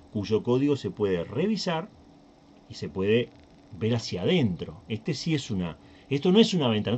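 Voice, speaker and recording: A man's voice: medium pitch, a little mellow, breathy edge, dull audio. A Uruguayan man hosting a tech channel, talking casually through a screen recording and thinking aloud with many fillers and restarts. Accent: Uruguayan Spanish.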